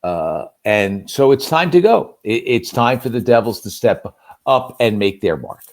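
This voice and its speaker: Here a man with a medium-pitched, expressive voice, delivered a little slowly, guests as a sports radio play-by-play announcer. His commentary is conversational and emphatic, full of rhetorical questions.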